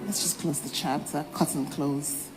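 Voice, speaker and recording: A woman's voice: low-pitched, steady tone, measured pace, darkish tone, big-room sound, poor audio. A woman in a live confrontational exchange at a church session, defiant and challenging, repeating herself. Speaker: congregant in a deliverance session. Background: music.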